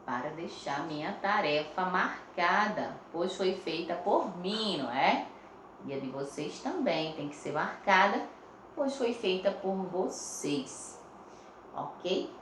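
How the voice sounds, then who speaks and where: A woman with a low-leaning, animated, fairly bright voice and a Brazilian Portuguese accent gives a lesson to young pupils. The phone recording is reverberant with slight background noise, and she talks slowly, sounding words out syllable by syllable while checking in frequently.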